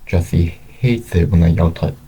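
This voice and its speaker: Male reader as warm older neighbor dad, slightly higher than narration. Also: unhurried, husky, poor audio. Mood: friendly. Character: friendly man in his fifties, proud father.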